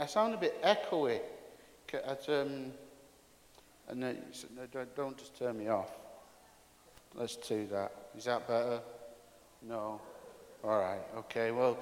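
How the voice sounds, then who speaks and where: Pastor guy in a big echoey hall, slow, candid and a bit self-deprecating, voice sits kinda high. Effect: big hall echo on the voice. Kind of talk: sermon. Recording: echoey hall with long reverb.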